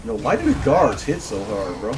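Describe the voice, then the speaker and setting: A man giving excitable, trash-talking live commentary while streaming a game, swearing and bursting into laughter. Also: lowish voice, normal speed, music in the background. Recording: noisy background.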